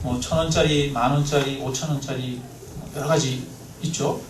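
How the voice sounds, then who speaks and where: A male pastor preaching a sermon in a church, lively, often asking the congregation questions. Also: medium pitch, moderate pace. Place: church sanctuary. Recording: roomy, mic at a distance, faint noise.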